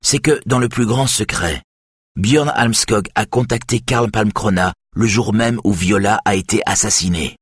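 A man voicing a calm male detective who speaks slowly and firmly. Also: lowish voice, slightly rough, no echo, studio quality, pitched above the performer's own voice. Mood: measured. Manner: slow, firm.

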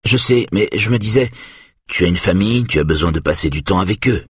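Brief: nervous male colleague, pushy and pleading, husky voice, as a low-voiced narrator puts him on. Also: animated, a little fast, dry recording, studio quality. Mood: anxious. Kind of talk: audiobook character voice.

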